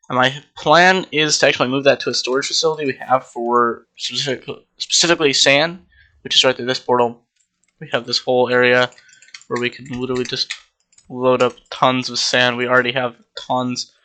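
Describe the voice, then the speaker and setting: Into a desk mic, a young man who plays on a Minecraft server rambles casually through a walkthrough of his game build, filling the gaps with plenty of ums. His mid-range voice sounds bright, relaxed, and a bit congested.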